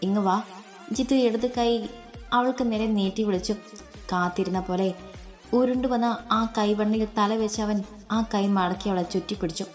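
A woman narrates a romance story for an audio channel in a steady storytelling voice. Her pitch sits in an ordinary middle range. Soft music runs quietly underneath. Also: normal speed.

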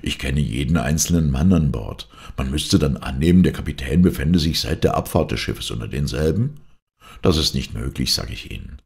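A man's voice: extremely low pitch, sing-song, moderate pace, creaky, darkish tone, heavily acted. A man voicing a stubborn, proud male ship commander in an audiobook, speaking emphatically and insistently.

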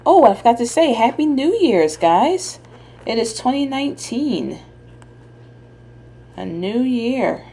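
A woman's voice: on the high side, big pitch swings, slow, long pauses, warm tone. A young woman chatting informally and thinking aloud in slangy speech, recorded on a handheld camera in a home kitchen with background noise. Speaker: vlogger. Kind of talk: casual chatty food vlog. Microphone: handheld camera at arm's length.

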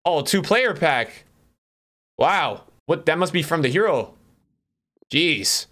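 A young man with a fairly high-pitched voice talks to his livestream chat. He sounds like a frat bro, casual and slangy, addressing everyone as bro, dude or man while he plays. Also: animated, takes it slowly, pushed and bright. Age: young adult. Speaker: game streamer. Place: small room indoors.

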